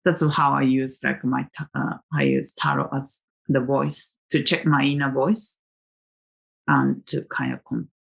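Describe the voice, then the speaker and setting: In this tarot vlog, a woman from Japan who speaks Japanese natively muses aloud in a chatty, reflective way, full of fillers and false starts. She has a bass voice, husky with vocal fry, expressive, and delivered at a measured pace.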